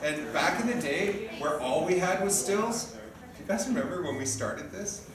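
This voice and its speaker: With a crowd audible behind him, a high-pitched, animated man in his fifties speaks at normal speed, giving an informal coaching briefing as sparring event organizer and referee. He checks in often using short tag questions, and the room recording is echoey, distant and noisy.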